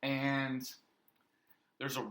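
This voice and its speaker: A young man co-hosting a podcast, telling a story in an animated way among friends. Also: mid-range voice, drawn-out words. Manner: animated storyteller, acts out quotes, swears casually. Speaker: podcast co-host. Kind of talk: casual chat, storytelling.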